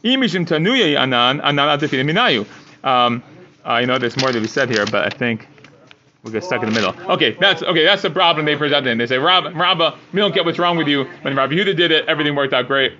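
A man's voice: mid-range voice, animated, fast, pushed and bright, a little hiss or hum. A man teaching a Talmud class in a casual way, translating line by line with many fillers. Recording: dull lo-fi recording.

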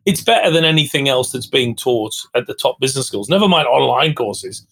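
Husky, foul-mouthed blunt man. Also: mid-range voice, animated, a little fast, fairly bright tone. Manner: blunt, profane and fired-up. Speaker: podcast guest. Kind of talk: candid interview talk.

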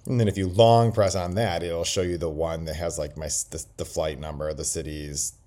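A man's voice: deep voice, fairly even intonation, moderate pace, dark tone. A man hosting a podcast in casual chat, rambling and joking, recorded on a laptop's built-in microphone. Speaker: podcast host. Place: quiet indoor place while traveling.

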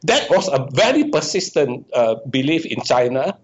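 A man's voice: medium pitch, big pitch swings, moderate pace. A man, an economics professor, answering interview questions and explaining his ideas step by step, often breaking off and correcting himself. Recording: dull, muffled lo-fi audio.

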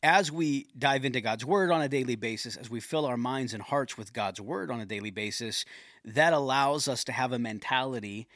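A man's voice: mid-range voice, moderate pace, fairly bright tone, dry recording, clean studio sound. A middle-aged man co-hosting a faith podcast, speaking earnestly and quoting scripture. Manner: earnest, quotes scripture, affirms often. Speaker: podcast co-host. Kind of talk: casual faith podcast talk.

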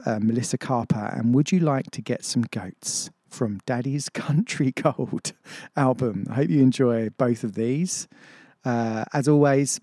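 Chatty radio DJ, mellow voice. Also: male voice, mid-range voice, dry recording, studio quality. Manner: chatty, self-deprecating, with fillers. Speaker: radio DJ host. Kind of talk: casual radio presenting.

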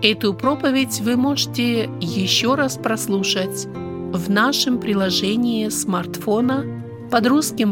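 A woman announcer speaking in the manner of a public radio host, addressing listeners. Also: medium pitch. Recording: music under the voice. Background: music.

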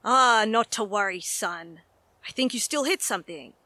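A woman's voice: mid-range voice, normal speed, sharp tone, no echo, lightly acted. A woman voicing an eager father who heartily coaxes his son in a storybook reading. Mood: excited. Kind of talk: acted dialogue in a horror storybook reading.

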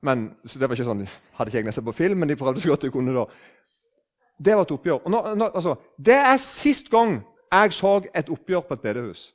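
An older man in his sixties from southern Norway tells a story in a loose, conversational way. His voice sits a little high for a man, and he talks with plenty of life, often breaking off and starting his sentences again. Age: 60s. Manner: animated, restarts sentences, acts out quoted speech. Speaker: speaker on faith.

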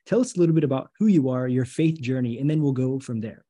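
A man hosting a faith podcast interview, welcoming and quick with short affirmations. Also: mid-range voice, warm tone, slightly rough. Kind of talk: casual interview talk.

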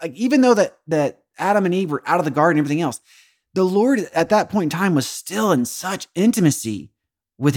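A man, hosting a casual devotional podcast, talking through a Bible story in relaxed slang, laughing often and acting out the lines he quotes. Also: fairly high pitch. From Texas. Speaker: podcast host.

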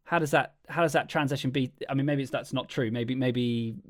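A man's voice: mid-range voice, a little fast, no room sound, studio quality. A man hosting an interview, asking questions in a thoughtful, tentative way. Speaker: interview host.

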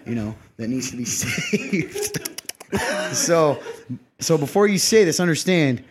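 A man's voice: on the high side, very animated, slow pace, noisy background. A young man co-hosting a podcast in casual chat, teasing and often laughing. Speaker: podcast co-host.

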